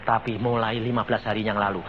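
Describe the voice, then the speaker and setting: A man's voice: on the low side, flat delivery, fast, faint music behind, voice pushed down, close to an everyday voice. A male preacher voicing an older wife in a sermon story, speaking tenderly and gratefully. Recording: dull lo-fi sound with faint background noise.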